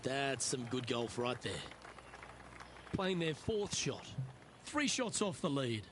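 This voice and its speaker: A man's voice: mid-range voice, sing-song, slow pace, background noise. A man playing the lead golf commentator in a video game, calling each shot in short running updates over outdoor ambience. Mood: composed, observant.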